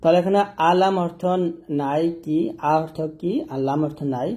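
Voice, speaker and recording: A man teaching Quran reading, patiently spelling out each syllable and repeating the verses slowly in a chanting tone. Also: fairly high pitch, warm tone.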